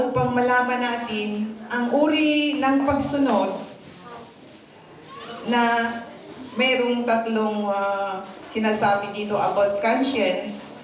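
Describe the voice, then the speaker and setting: A woman pastor with a fairly high voice gives a morning sermon and tells a story with polite phrasing. She moves back and forth between Tagalog and English. Her voice rings through a very echoey hall and sounds set back from the microphone. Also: recorded from a distance. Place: church service, morning gathering. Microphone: handheld or stand microphone.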